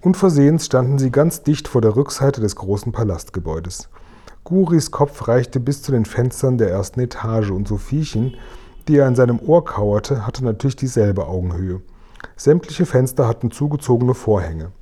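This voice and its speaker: A man reading a children's book aloud in a calm, even storytelling voice. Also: medium pitch, moderate pace, slightly rough. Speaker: reader.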